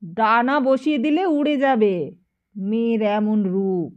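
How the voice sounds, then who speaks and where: A brisk, self-assured older matchmaker brushes off every doubt, as a woman narrator puts her on. She speaks high and quick to decide, on slightly dull lo-fi audio. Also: expressive. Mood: bossy. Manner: brisk, dismissive, confident.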